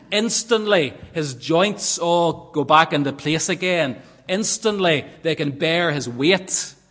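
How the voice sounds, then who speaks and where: A fairly high-voiced man delivers an earnest sermon, pressing his points and asking rhetorical questions. The sound has a long, ringing reverb from a large church hall. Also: fairly bright tone. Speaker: preacher.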